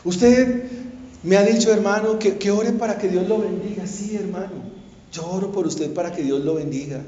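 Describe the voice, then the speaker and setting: A male pastor preaching a sermon, swinging from hushed confession to pleading cries. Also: high voice, normal speed, slight background noise. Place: church. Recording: echoey church hall, dull lo-fi sound.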